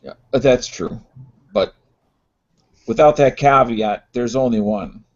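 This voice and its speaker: A man talks in a casual group podcast, matter-of-fact and quick to correct or quiz the others. His pitch is ordinary. The sound is dull and lo-fi. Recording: dull lo-fi audio.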